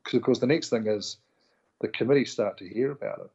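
Husky and brisk at a medium pitch, this man with a New Zealand accent tells his story as an interview guest, casually and with animation. He acts out the dialogue he quotes, and the audio is dull.

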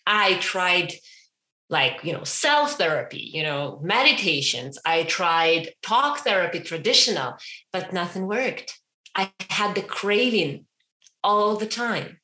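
A Ukrainian woman in her thirties, a hypnotherapist, chats casually as an interview guest, using fillers such as "you know." Her fairly low voice has lively intonation and a pushed, bright quality, she speaks slowly, and the room sounds echoey.

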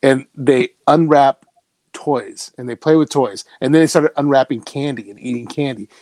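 A man's voice: medium pitch, moderate pace, a little mellow, no echo. A man co-hosting a casual podcast, telling stories in a chatty way and laughing often. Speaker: podcast co-host. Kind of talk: casual chat. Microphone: remote call mic.

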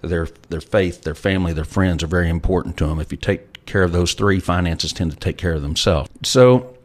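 In a relaxed interview, this middle-aged business owner tells homespun stories and offers advice on life. He speaks briskly in a low, darkish voice.

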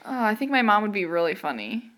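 A woman's voice: medium pitch, very animated, fast talker, a bit bright, a little hiss or hum. A young woman co-hosting a podcast, chatting casually and telling rambling stories with lots of giggling. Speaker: podcast co-host. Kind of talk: casual chat.

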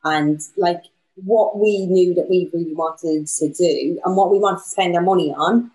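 A woman's voice: on the low side, unhurried, warm tone, low-quality recording. A young woman from Donegal with a west of Ireland accent, chatting casually and candidly as she answers questions in an interview. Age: young adult. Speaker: small business owner in film production.

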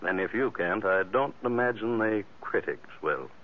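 A man as a low-voiced, genteel killer. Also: lively intonation, lightly acted. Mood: smug. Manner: measured, politely sinister. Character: smug, genteel, menacing murderer and author. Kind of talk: old-time radio drama acting. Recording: thin, phone-like old radio recording.

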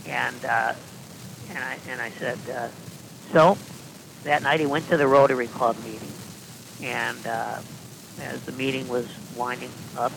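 A man, a podcast guest, telling long anecdotes in a deadpan style with dry asides and frequent restarts. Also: mid-range voice, creaky, noisy background. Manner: deadpan, self-correcting storyteller with dry asides. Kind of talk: casual anecdotal storytelling.

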